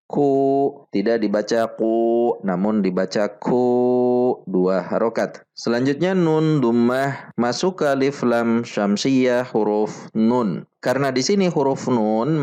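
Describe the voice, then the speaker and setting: A man teaching Quran recitation rules step by step, slowly repeating each syllable for drill. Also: a little mellow. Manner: chants the Arabic verses in a higher, fuller voice. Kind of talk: slow step-by-step tajwid lesson.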